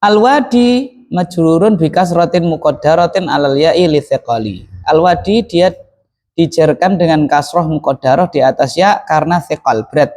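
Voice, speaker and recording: High-voiced man teaching a class. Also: moderate pace, a little mellow. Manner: questions the class, answers himself, mixes in Javanese words. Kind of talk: classroom lesson on Arabic grammar.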